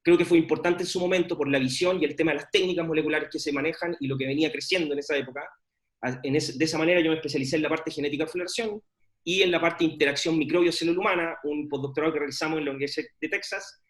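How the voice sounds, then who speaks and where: A man's voice: on the high side, fairly even intonation, very fast. A middle-aged man, giving an informal presentation of his research with many fillers and restarts. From Chile. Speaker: scientist presenting his work.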